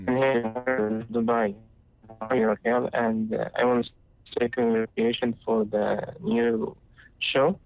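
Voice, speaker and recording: A male caller speaking haltingly over a bad phone line that keeps dropping out. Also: medium pitch, very animated, gravelly, soft background music. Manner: hesitant, halting. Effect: breaking-up phone line, call dropping out.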